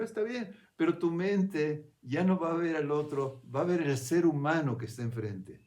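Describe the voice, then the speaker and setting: Man, slightly high voice, reflective spiritual talk, conversational, keeps checking in with the listener, thinks aloud. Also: darkish tone. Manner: unhurried, thinks aloud with restarts. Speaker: spiritual speaker.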